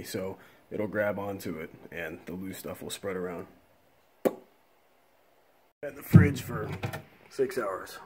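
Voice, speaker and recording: A man in his thirties walks through a recipe in a small room, loose and chatty and swearing casually. His voice sits slightly low. The desk camera picks up steady, clear background hiss. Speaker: cooking vlog host. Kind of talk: casual cooking demonstration.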